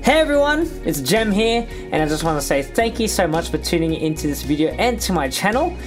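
A man's voice: high voice, big pitch swings, a little fast, over loud music. A young man with an Australian accent from Sydney, talking in a chatty, upbeat vlog to camera from a small studio. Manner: chatty, upbeat, gestures a lot with hands. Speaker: musician and vlogger. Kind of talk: casual direct-to-camera vlog. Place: small indoor music studio.

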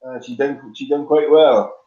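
A middle-aged Welshman with a mid-range voice, fairly even intonation and moderate pace chats as a guest, a competition flyer, on a casual video call. He sits on the couch in his living room, with lots of ums and restarts, captured by a webcam that sounds roomy, dull and lo-fi.

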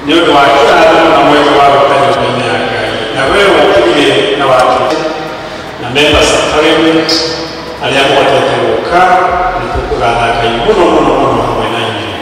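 A man's voice: medium pitch, fairly quick. A man with a Kenyan accent leading a church service and addressing the congregation in a large church. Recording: very echoey hall, distant, noisy. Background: room noise.

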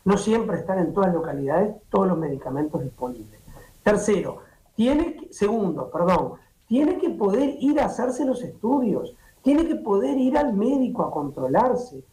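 A middle-aged doctor from Uruguay, very animated with a high, mellow voice, talks at a normal speed in Uruguayan Spanish. He's a video-call guest on a streaming show, set up in his home office with a laptop or webcam mic, explaining at length through restarts and fillers. The sound is echoey.

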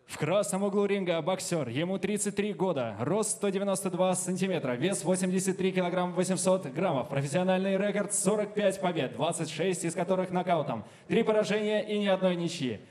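A man's voice: high voice, darkish tone. A young man working as a boxing ring announcer, formal and ceremonial, on a handheld microphone. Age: young adult. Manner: ceremonial, drawn-out fighter names. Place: large indoor boxing arena.

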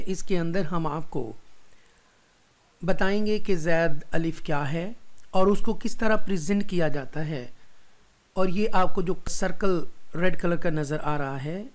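A Pakistani man with a Pakistani accent teaching a recorded Quran reading lesson, slowly and deliberately, mixing English and Hindi-Urdu and checking in with his students. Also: high voice. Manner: slow and deliberate, drawing out each word.

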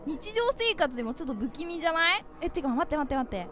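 A young woman giving animated, jumpy commentary as she plays a horror game, calling herself by name. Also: high-pitched, fast, over music. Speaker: game streamer.

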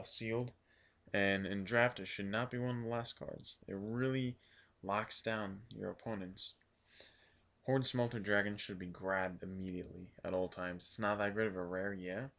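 A man with a hoarse, worn voice from yelling, recapping a card game event in a casual, rambling vlog full of ums and restarts. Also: fairly low pitch.

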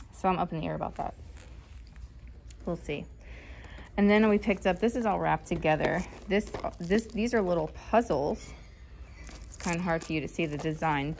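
A woman's voice: fairly low pitch, darkish tone, slight background noise. A woman in her thirties, a vintage reseller, chatting casually through a thrift-store haul, thinking aloud with fillers and small laughs, recorded on a handheld phone in a large store.

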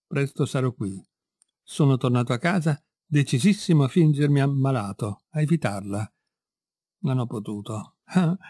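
Male reader as a worn-out middle-aged man, brooding and self-pitying, even pitch, close and dry. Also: dry recording. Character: weary middle-aged man confessing ruinous passion. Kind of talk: read-aloud storytelling.

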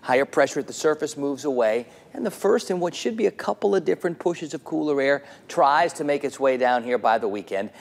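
A man's voice: medium pitch, creaky. Conversational male TV weather forecaster.

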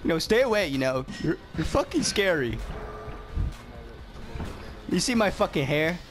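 A young man chatting excitedly with a friend while gaming, a hyped gamer bro full of slang and swearing. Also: fairly high pitch, measured pace, soft background music.

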